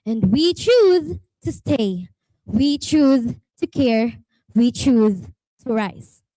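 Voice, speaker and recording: A woman with a Filipino accent delivering a declamatory contest speech, slow and emphatic with dramatic pauses and swells. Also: high-pitched, dry recording, poor audio.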